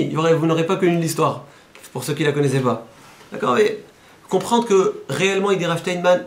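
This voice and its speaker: A man, a rabbi, giving a sermon and telling a story with lively, animated delivery. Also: roomy sound. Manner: animated storyteller, voices quoted speakers, rises high at emotional peaks.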